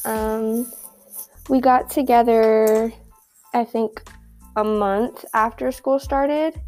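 Teen girl podcaster from Texas, casual slangy chatter, warm tone, muffled by a mask. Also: a little high, steady tone, extremely slow, soft background music. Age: teens. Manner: rambling, slangy, giggly. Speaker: podcast host. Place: at school.

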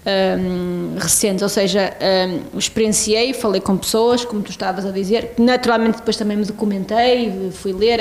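Measured woman podcast host. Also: medium pitch. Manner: measured, deliberate. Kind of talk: casual podcast conversation.

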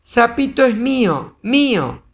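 A storyteller voicing a shrill, whiny toddler girl who shrieks and grabs. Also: big pitch swings, slow pace, gravelly, exaggerated voice. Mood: wailing. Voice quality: shrill, wailing.

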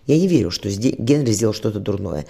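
A man reading as a calm, brave mother. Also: fairly low pitch, fast talker, gravelly, husky, exaggerated voice. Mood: tender. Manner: calm, caring, firm. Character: brave, practical woman, ship's surgeon and mother.

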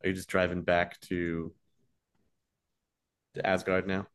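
A man narrating as game master of a tabletop role-play, talking in a relaxed, halting way. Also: low voice, clear, resonant tone.

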